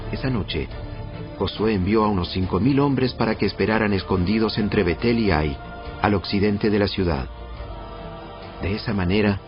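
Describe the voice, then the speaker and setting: A man narrating a dramatized audio Bible in a measured storytelling delivery. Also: lowish voice. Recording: muffled band-limited audio. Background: prominent background music.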